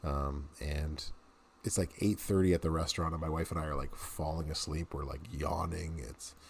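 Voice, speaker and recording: A man's voice: rumbling low, steady tone, brisk. A man in his thirties, a game streamer, chatting casually to viewers and laughing often as he plays. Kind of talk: casual gameplay commentary.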